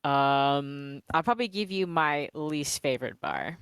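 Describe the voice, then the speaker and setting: Smooth low-voiced woman at a game table. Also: animated, a little slow, fairly bright tone, dry recording, studio quality. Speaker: player. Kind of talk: casual tabletop play.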